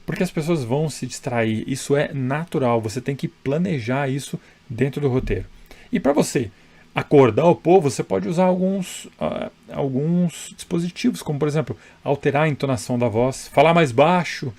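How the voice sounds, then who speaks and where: A man's voice: medium pitch, darkish tone. A man coaching public speaking straight to the camera, chatty and emphatic, often checking in with the viewer. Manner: conversational, tag questions, emphatic. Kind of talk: direct-to-camera advice.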